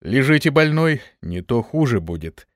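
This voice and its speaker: A man's voice: mid-range voice, big pitch swings, normal speed, no echo, clean studio sound, close to an everyday voice. A man doing a sly, brash young hero. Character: cunning young male hero, sly and bold. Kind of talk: audiobook character reading.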